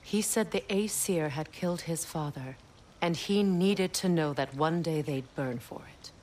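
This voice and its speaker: A woman voicing a regal, weary goddess queen with a measured, storytelling manner and dry sarcasm in video game dialogue. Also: low-pitched, darkish tone, slight background noise, low-quality recording.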